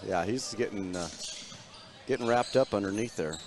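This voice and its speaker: Low-voiced easygoing commentator, man. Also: moderate pace, a little hiss or hum. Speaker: color commentator. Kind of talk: casual sports commentary. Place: high school gym.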